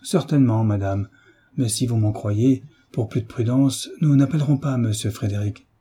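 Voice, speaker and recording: A man reading the part of a sturdy farmer guiding a lady, steady and respectful. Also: mid-range voice, normal speed, husky. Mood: reassuring. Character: sturdy, calm, dutiful male farmer guide.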